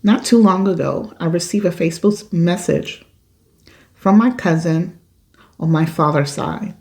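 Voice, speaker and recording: Woman podcast host reading a listener letter, slow and gravelly, outspoken, low and mellow voice, emphatic. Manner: emphatic, outspoken, swears when upset.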